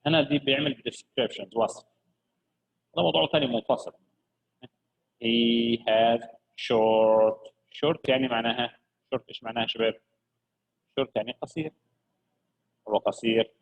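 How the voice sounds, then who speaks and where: A man teaching children English vocabulary, lively and coaxing, repeating each word slowly for his pupils. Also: medium pitch, creaky, slightly rough, poor audio.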